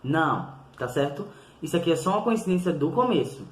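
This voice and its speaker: A man, a primary school teacher giving a recorded lesson to children, patiently repeating each sound slowly and clearly. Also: fairly high pitch, very animated, echoey room.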